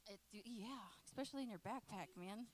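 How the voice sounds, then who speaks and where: A woman's voice: medium pitch, brisk, poor audio. A woman in her late twenties giving a casual, joking talk to a youth group as its youth pastor. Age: 20s. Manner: lively and joking, chatting with teens in the room.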